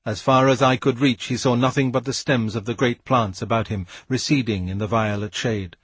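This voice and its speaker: A man reading a novel aloud as an audiobook narrator, in a measured, steady way. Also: mid-range voice, husky, no room sound. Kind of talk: scripted narration.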